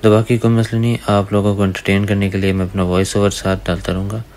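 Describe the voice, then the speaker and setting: A man's voice: lowish voice, monotone, quick pace, a little mellow. A man giving casual gameplay voice-over commentary, talking to viewers as brothers. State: dry throat from talking. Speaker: gaming YouTuber. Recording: faint gunfire under the voice.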